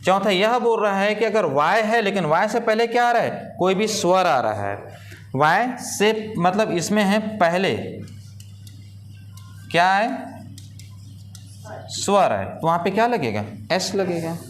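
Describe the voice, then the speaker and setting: A man's voice: high voice, sing-song, measured pace, pauses often. A man teaches English grammar like a classroom teacher. He keeps asking questions and then gives the answers himself, over a faint hiss of background noise. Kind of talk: classroom-style grammar lesson.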